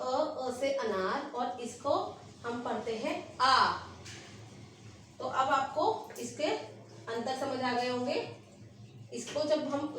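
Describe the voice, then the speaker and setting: A woman teacher giving an online lesson to small children, explaining slowly and step by step and stressing sounds when she demonstrates them. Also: high voice. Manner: slow, careful, explains step by step. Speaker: nursery Hindi teacher. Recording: echoey room, recorded from a distance, with noise.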